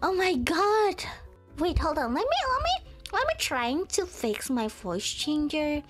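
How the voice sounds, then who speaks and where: Streamer, female, voice changer pushing her very high, playful and giggly, slow lively delivery. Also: faint music behind. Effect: voice changer pitching her voice far up. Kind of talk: casual live-stream chat.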